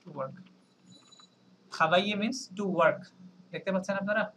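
A man teaching a French lesson on a video call, explaining slowly, spelling words letter by letter and often checking in with his students. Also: sits high, sharp tone, slight background noise, poor audio. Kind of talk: online language lesson.

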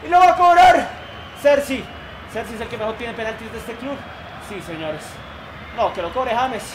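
Colombian man, young, very high voice, excitable gameplay commentary, shouts at the screen, noisy background. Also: normal speed. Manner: excitable, shouts and groans at the game. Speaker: gaming YouTuber.

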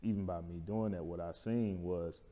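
A low-voiced man speaking steadily at normal speed, a barbershop owner, appears as an interview guest in an indoor lounge-style studio. He explains things casually in colloquial terms and often checks in with the listener. Recorded on a lapel mic, the audio is dull and the room reverberant.

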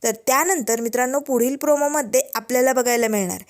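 High-voiced woman recapping a TV serial. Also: fast.

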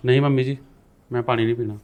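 A man's voice: sits high, brisk. A man playing a furious young husband. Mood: sulky. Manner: angry, accusing, shouting. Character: furious young husband defending his mute sister. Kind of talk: amateur family drama acting.

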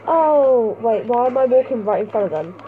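A young woman giving playful, excitable let's play commentary and talking back at the game as she plays. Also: a little high, normal speed. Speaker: gaming channel host. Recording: tinny phone-like mic sound.

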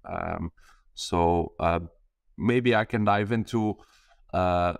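Speaking from a bright attic room with a skylight, a man in his thirties from Belgium, a startup founder, joins a casual video-call interview as a guest. He hesitates a lot, with many fillers and restarts. His voice sits low and slow with vocal fry, and the recording is dry.

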